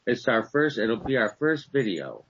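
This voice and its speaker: This podcast co-host, a man in his fifties, jokes around and shows off in casual back-and-forth, spinning lively, boastful stories. His medium-pitched voice moves at a moderate pace over slight background noise, and the audio is dull and lo-fi.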